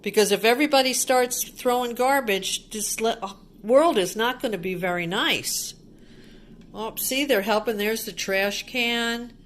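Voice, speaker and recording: This woman's voice sits on the high side and moves at a measured pace. Like a teacher at storytime, she reads a picture book to young children, keeping her explanations simple, repeating words and slipping in small questions and asides.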